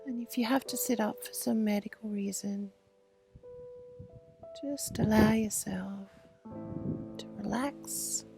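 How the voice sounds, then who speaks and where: A woman guiding a meditation outdoors at a retreat, speaking slowly and soothingly and often sinking into soft whispers. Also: mid-range voice, gravelly. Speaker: meditation guide. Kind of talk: guided meditation. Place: outdoor retreat under a pyramid structure. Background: instrumental music.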